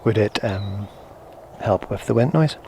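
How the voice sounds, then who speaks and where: Here a man with a dark, animated voice talks a little slowly while demonstrating a product, casually and hesitantly musing over the gear he's reviewing. The audio comes from a small on-camera shotgun microphone fed through a recorder into the camera, and it's noisy with a low rumble.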